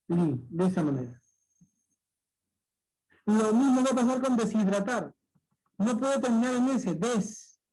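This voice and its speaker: Male tutor, high husky voice, patient, repeats every rule, keeps checking in. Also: a little mellow, rough recording. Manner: patient, repetitive, checks understanding often. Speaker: language teacher. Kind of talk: exam-prep lesson.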